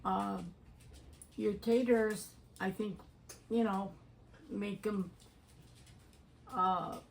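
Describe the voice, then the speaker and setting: A woman's voice: mid-range voice, steady tone, drawn-out words, creaky. A woman hosting a casual cooking vlog, chatty and affectionate with her viewers, humming as she tastes the food. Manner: chatty, affectionate, addresses viewers as "you guys" and "my doves"; savors food aloud with hums while eating. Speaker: cooking channel host.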